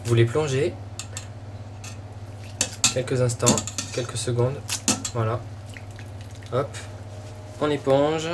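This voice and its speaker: A man with a French accent presents a recipe step by step as a cooking host. His voice sits at an average male pitch, and his delivery is informal and encouraging, dotted with little interjections. Clear kitchen noise runs behind him. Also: steady tone, slow pace, long pauses. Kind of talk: casual step-by-step recipe demonstration. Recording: clearly noisy room ambience behind voice.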